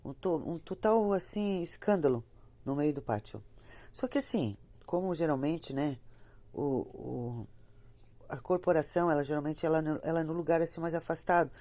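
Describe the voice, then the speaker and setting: A woman's voice: low voice, moderate pace, dark tone, dry recording. A woman with a slight cold, telling a horror story in a chatty, repetitive way and talking straight to her listeners. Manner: chatty, repeats herself, talks to listeners directly. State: has a cold, slightly congested. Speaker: storyteller of ghost stories. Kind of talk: casual spoken horror storytelling.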